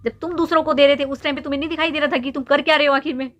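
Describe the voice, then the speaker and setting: A woman's voice: high-pitched, steady tone, racing, a bit bright. A young woman vlogger lecturing and scolding someone directly to camera, repeatedly pressing her points home with rhetorical questions. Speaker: YouTube vlogger. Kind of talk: direct-to-camera opinion rant.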